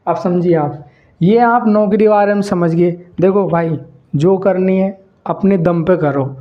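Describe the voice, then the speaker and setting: A man's voice: high-pitched, measured pace, highs cut off. A man hosting his own channel, explaining business ideas to viewers in a repetitive, emphatic way and calling them brother. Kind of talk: explaining to camera, casual lecture.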